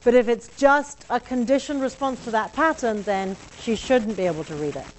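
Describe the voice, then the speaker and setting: A woman's voice: fairly high pitch, moderate pace, a little hiss or hum, poor audio. A woman with an accent, lecturing a university class in a conversational way, explaining step by step. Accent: non-local accent. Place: lecture room.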